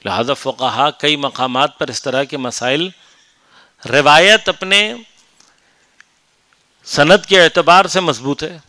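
Bright-voiced man giving a religious lecture. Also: on the high side, pauses often, no echo. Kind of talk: Quranic commentary lecture.

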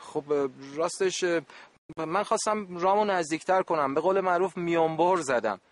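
A man's voice: sits high, close to an everyday voice. A man playing a good-natured adult camp supervisor in a radio play, talking in a joking, exasperated, pleading way.

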